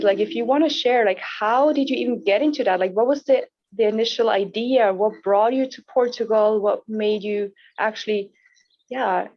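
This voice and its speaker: A woman's voice: mid-range voice, highs cut off. A woman hosting a podcast in casual chat, gushing and filling her talk with "like" and "yeah". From Switzerland. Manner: warm, gushing, many "like" and "yeah" fillers. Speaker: podcast host. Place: in a yurt.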